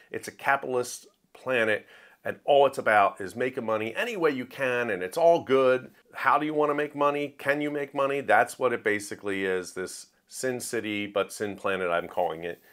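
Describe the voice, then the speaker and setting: A man hosting a book review show delivers a casual, opinionated monologue in a mid-range, fairly bright voice. He talks briskly and gets emphatic when he makes a point.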